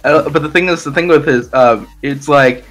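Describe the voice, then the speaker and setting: A man co-hosting a casual live podcast, sarcastic and mocking, quick to laugh. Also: on the high side, fairly bright tone, soft background music. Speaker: podcast co-host.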